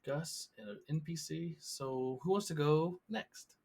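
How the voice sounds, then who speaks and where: A man's voice: fairly high pitch, unhurried, a little mellow, breathy edge. A man running a tabletop game as game master, describing scenes in a loose, stop-start way with fillers.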